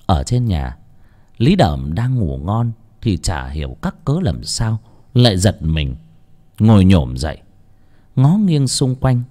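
A man narrating a story in an unhurried, dramatic way. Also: deep voice, very animated, warm tone. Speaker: audiobook narrator.

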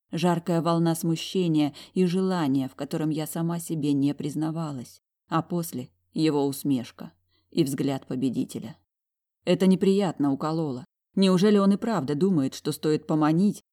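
Low-voiced woman narrating an audiobook. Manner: emotional, expressive reading. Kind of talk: first-person audiobook narration.

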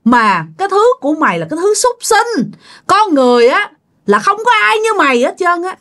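A woman's voice: very high-pitched, very animated, fairly quick, a bit bright, pitched above the performer's own voice, heavily acted. A woman voicing a furious, vengeful female ghost, shrilly hurling accusations at the family that wronged her.

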